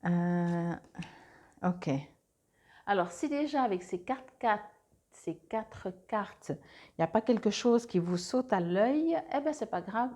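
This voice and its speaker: Speaking into a clip-on mic, a Swiss French woman gives a relaxed monthly card reading as a tarot reader, hesitant and full of fillers and restarts. Her voice is mellow and medium in pitch.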